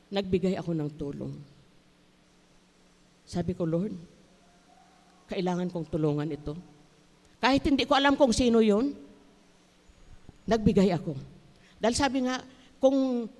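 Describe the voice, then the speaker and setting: A woman from the Philippines preaches, weaving her own testimony into the sermon. She tells it earnestly and leaps up in pitch on the points she wants to land. Her voice trails off into the long reverb of a church sanctuary. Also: a little mellow. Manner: earnest storytelling, rising to emphatic high bursts. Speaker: church speaker. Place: church hall.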